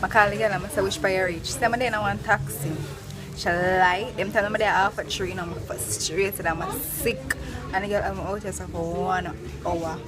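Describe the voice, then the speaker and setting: A young Jamaican woman chatting casually with a friend on camera, telling a complaining story in a lively way. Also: medium pitch, moderate pace. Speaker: vlogger's friend. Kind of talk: casual chat. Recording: loud background noise.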